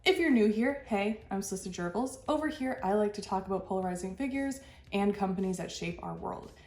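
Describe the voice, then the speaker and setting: A woman hosts a reaction commentary in a medium-pitched, slightly mellow voice with lively intonation, talking fairly quickly. Stuffy from a cold, she speaks frankly and with exasperation, laughing briefly between points, in an echoey room with faint music.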